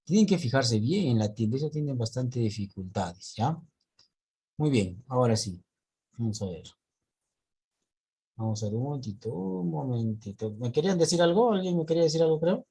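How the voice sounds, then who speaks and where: Husky guy teacher on a video call going over reading mistakes one by one. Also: medium pitch, big pitch swings, moderate pace, mellow. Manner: corrects students' reading point by point. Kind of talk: online reading class feedback.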